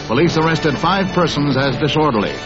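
A 1960s newsreel narrator delivers the news in a brisk announcer's style with lively intonation, dropping in wry, punning asides. His voice is a little high for a man, and the dull, lo-fi vintage film sound carries music clearly beneath him.

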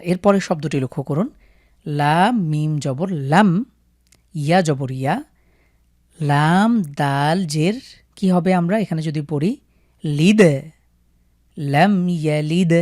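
A man teaching Quran reading to learners, spelling out letters slowly and repeating each sound louder. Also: a little high, no room sound, studio quality. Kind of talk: step-by-step recitation lesson.

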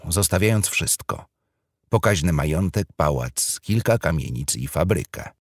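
A man narrating an audiobook thriller in an expressive storytelling manner. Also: low-pitched, dry recording, studio quality.

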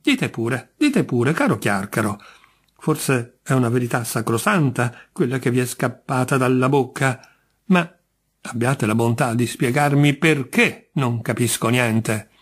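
A patient, wearily kind judge, as a male reader puts him on, coaxing and reasonable. The husky voice sits higher than plain talk and stays mild even when exasperated. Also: measured pace. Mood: puzzled.

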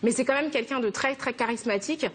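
A young woman from France, a guest in a TV interview, answering earnestly and quickly, thinking aloud as she goes. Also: a little high, fairly bright tone, breathy edge. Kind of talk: TV interview conversation.

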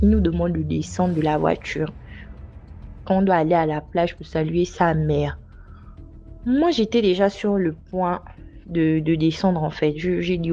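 A young woman casually recounting a personal night-out story, animating the voices she quotes. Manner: lively, acts out quoted voices with big pitch jumps. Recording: slightly dull lo-fi sound.

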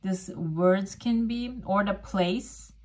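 A woman's voice: mid-range voice, slow, a little mellow. A woman who is a non-native English speaker, talking casually as a fortune teller giving a reading straight to the viewer. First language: not English. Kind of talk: casual coffee cup and oracle card reading to camera.

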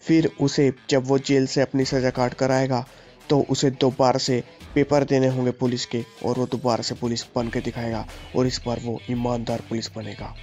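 A man's voice: mid-range voice, flat delivery, moderate pace, a little mellow, faint music behind. A man voicing an angry poor father who rants and threatens while narrating a game story. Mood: speechifying. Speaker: gaming channel host.

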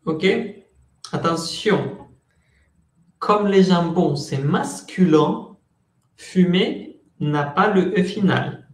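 A man teaching a French class in Spanish, slowly repeating words and switching between languages while calling on students by name. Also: fairly high pitch, echoey room. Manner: slow, patient, repeats words to drill pronunciation.

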